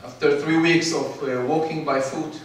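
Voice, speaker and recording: A man's voice: a little high, fairly even intonation, distant mic, a little hiss or hum. Man from ethiopia telling his story at a podium, stops a lot, big echoey hall. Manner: halting, many filler pauses. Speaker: guest speaker. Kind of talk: personal story speech. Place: large hall.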